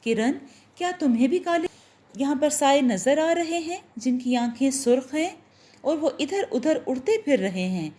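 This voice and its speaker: An earnest young man, lovestruck and a little uneasy, speaks in a warm, somewhat lowered voice, read by a woman telling the story. There is still plenty of lift and fall in the delivery. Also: lively intonation, moderate pace, natural voice.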